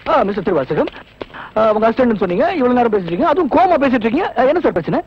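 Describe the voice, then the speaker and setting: Slick fake cop, super polite, talks quick and lively, raspy. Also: male voice, very high-pitched, heavily acted. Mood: smooth. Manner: ingratiating, mixes English phrases, polite "sir" at every turn. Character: smooth-talking male con man posing as a posh inspector. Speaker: impostor posing as a police inspector. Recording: lo-fi old film soundtrack.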